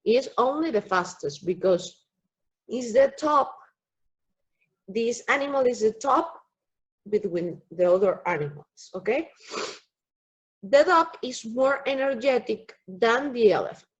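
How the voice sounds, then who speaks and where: A woman teaches English grammar over an online class, speaking slowly and patiently. Her voice is husky and slightly high, and the audio is dull and lo-fi from a computer mic. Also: expressive. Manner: slow, patient explaining with frequent "okay?" checks. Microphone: computer mic on a video call.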